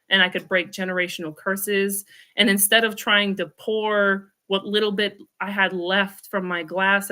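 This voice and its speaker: A woman's voice: mid-range voice, sharp tone. A woman in her thirties, a guest author, telling her personal story in a candid, reflective way with wry asides.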